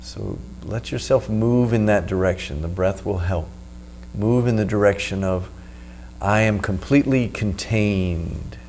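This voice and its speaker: A man with a fairly low voice guides a meditation practice. He speaks as a teacher, giving instructions unhurriedly and leaving pauses. A faint hum sits behind his voice. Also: vocal fry, a little mellow. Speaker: meditation teacher and video host. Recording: noticeable background hum.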